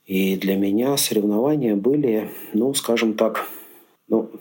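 Here a man in his forties talks in a warm, husky voice that sits on the low side, keeping a measured pace. An amateur triathlete guesting on a podcast, he reflects on his racing life during a casual interview, wandering off track and using many fillers.

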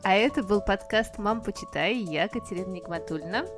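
A woman co-hosts a podcast in a mid-pitched voice. She reads the friendly sign-off while music plays clearly underneath. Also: brisk. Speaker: podcast co-host. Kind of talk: casual chat and show outro.

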